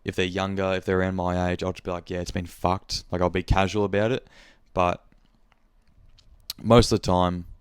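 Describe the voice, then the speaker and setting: A man's voice: deep voice, flat delivery, normal speed, smooth, no echo, clean studio sound. A young man with an Australian accent, hosting a podcast in a casual, rambling monologue, speaking frankly and swearing freely. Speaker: podcast host.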